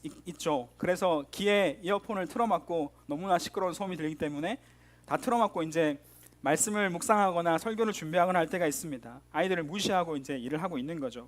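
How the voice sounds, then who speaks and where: A middle-aged man, a pastor, preaching a sermon to a youth congregation, earnest and direct, asking his listeners rhetorical questions. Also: high-pitched.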